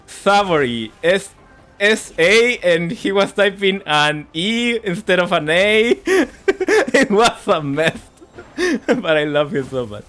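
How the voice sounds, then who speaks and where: A native Spanish-speaking man with a Spanish accent chats casually on a gaming livestream in a high, fairly bright voice. He is very animated yet slow-paced, laughs often and repeats words when he stumbles, with faint music in the background.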